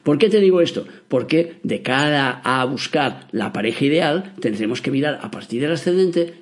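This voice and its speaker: A man with a Spain Spanish accent, hosting a podcast and explaining things in a chatty monologue full of fillers. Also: medium pitch. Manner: chatty, many fillers like "o sea". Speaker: astrology podcast host.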